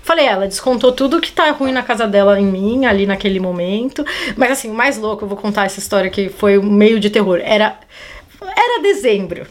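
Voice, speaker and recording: A woman hosting a podcast, telling a story in animated, casual chat and acting out the dialogue. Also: medium pitch, fairly quick. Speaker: podcast host.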